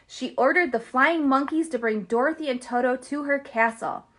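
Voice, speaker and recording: A woman hosting a children's story time who reads aloud in an animated way and chats with her viewers. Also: high voice, moderate pace. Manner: animated and chatty, addresses viewers as "you guys". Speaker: children's story reader and host. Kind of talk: storybook read-aloud for kids.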